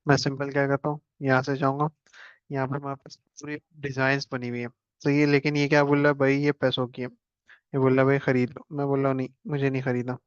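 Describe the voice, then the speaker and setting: A man's voice: medium pitch, completely flat delivery, fast, clear, resonant tone, dry recording, muffled recording. A man teaching a casual screen-share computer lesson, chatting and joking as he clicks through steps. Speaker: instructor.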